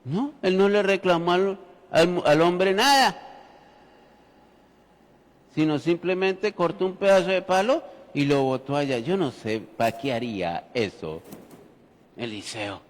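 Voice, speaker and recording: Pastor guy preaching real slow, bit high voice, long church echo. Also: expressive, slight background noise. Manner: storytelling with humor, addressing the congregation. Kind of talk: sermon. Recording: reverberant church hall.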